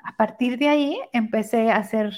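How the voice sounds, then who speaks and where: A woman's voice: fairly high pitch, normal speed, a little mellow. A mother co-hosting a casual conversation, telling personal stories in a chatty way. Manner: chatty, anecdotal. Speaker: co-host, mother.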